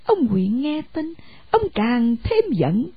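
A woman narrates a storybook in an expressive, animated reading. Her high voice has a gravelly rasp and swings widely in pitch. The sound is dry and dull, like a lo-fi recording. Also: slow pace, no room sound.

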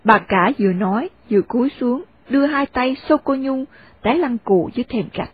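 A woman narrating a story in steady audiobook style. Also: on the high side, normal speed, breathy edge. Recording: dry, phone-like narrow sound.

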